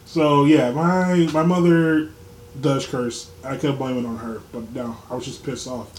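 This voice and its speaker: A man's voice: medium pitch, steady tone, unhurried, a little mellow. A young man co-hosting a casual podcast chat, laughing often and acting out the voices in his stories. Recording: echoey room with faint ambience.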